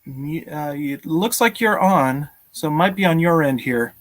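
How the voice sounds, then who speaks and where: This thirties-aged man speaks at a measured pace with a slightly high voice and lively intonation. He's hosting a laid-back live stream over a video call, frequently chuckling as he chats with viewers from a small sloped-ceiling room indoors at home.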